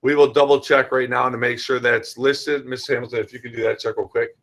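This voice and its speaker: A man's voice: mid-range voice, little pitch movement, brisk, fairly bright tone. An American man hosting an informal question-and-answer orientation as a school administrator, speaking directly to parents and children. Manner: addresses parents and children directly, checks in with frequent "all right".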